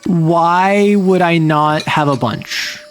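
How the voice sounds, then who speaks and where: A male streamer in casual chat, joking and firing off quick, repeated interjections. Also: on the high side, soft background music.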